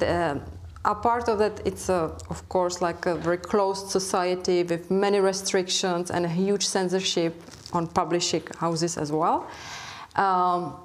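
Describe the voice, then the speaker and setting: A woman speaking as an expert guest on a debate panel, thoughtful and hesitant, often pausing to find her words. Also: mid-range voice. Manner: thoughtful, many hesitations, gently questioning. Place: public debate hall.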